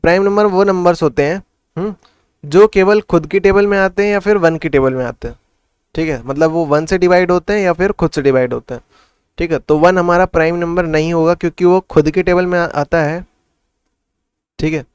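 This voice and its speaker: Maths tutor, male, slightly high crisp voice, talks through sums in Hindi-English, dry close recording. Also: brisk, darkish tone, no room sound. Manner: asks and answers his own questions. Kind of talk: casual classroom explanation.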